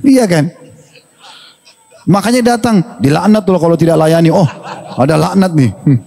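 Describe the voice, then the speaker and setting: A man preaching in an animated, humorous question-and-answer talk, acting out quoted dialogue. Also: fairly high pitch, normal speed, gravelly. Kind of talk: religious Q&A talk. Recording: long hall reverb.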